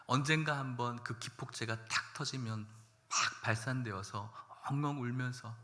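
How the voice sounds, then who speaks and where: A male pastor delivering a Sunday sermon with a bright, forceful voice. He moves between reading scripture aloud and speaking with rising emotion. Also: mid-range voice.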